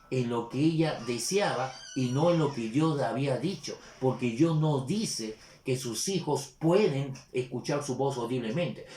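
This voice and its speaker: A male pastor preaching a sermon, explaining with examples and scripture. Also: medium pitch. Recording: echoey room with soft guitar music. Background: soft guitar music.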